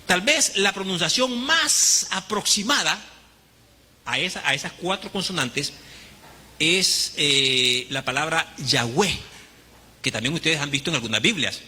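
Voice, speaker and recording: A man's voice: fairly high pitch, expressive, measured pace, pushed and bright, slightly rough, in a large hall. A man with a Honduran Spanish accent preaching a sermon, teaching his congregation and calling them brothers. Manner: teaching, addresses congregation as brothers, dramatic quoted voices. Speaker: pastor.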